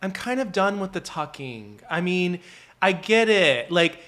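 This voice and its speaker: A man with a sharp, bright voice pitched a little high. He co-hosts a casual review, rambling chattily with plenty of "like" and acted-out asides. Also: sing-song, a little slow. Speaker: reality show review co-host.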